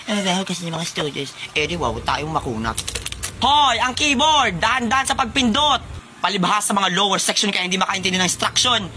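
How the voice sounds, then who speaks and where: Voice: mid-range voice, fast, hardly any pauses, pushed and bright, a little hiss or hum, natural voice. A snobbish male teacher, as a comic performer puts him on, sneering at students and scolding sharply. He is fussy about germs and looks down on everyone. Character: arrogant male teacher, germ-obsessed snob. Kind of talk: comic skit voices.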